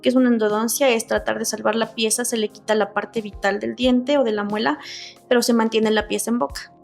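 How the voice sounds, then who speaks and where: A young adult woman talks through her work as a dentist in an earnest, step-by-step way, full of asides. Her voice sits fairly high and has a gravelly fry to it, while faint music plays underneath. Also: fairly even intonation, brisk, a little mellow. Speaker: dentist guest. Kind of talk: casual interview chat.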